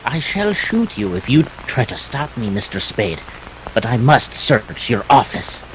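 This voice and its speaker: A man's voice: mid-range voice, big pitch swings, a bit bright, slight background noise, poor audio. A man acting a fussy, formally polite and slippery Greek crook in a 1940s detective radio play. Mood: politely threatening. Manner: formal, precise, halting politeness.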